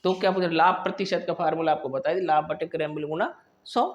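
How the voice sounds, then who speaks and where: A male maths teacher giving a classroom lesson, working through problems step by step and often pausing to check that students follow. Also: on the high side, fairly even intonation, dull audio.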